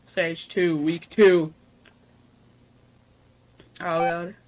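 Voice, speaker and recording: A reaction video host reads on-screen text aloud, then breaks off into casual, speculative asides. The mid-range voice stays level and moves very slowly, and the audio quality is poor.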